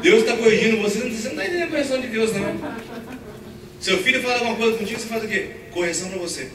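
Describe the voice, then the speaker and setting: A man from Brazil, a pastor preaching a sermon, animated and laughing as he acts out family stories. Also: sits high, racing. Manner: animated storyteller acting out family scenes, laughing often. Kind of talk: sermon with storytelling. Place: church hall. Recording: echoey church hall from far off, noisy.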